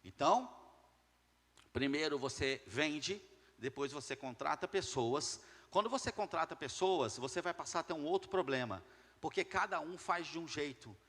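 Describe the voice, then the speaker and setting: A man's voice: on the high side, animated, normal speed, a bit bright, long reverb tail. A man giving an emphatic motivational talk to entrepreneurs, repeating key words and asking the audience questions. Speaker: business speaker addressing entrepreneurs.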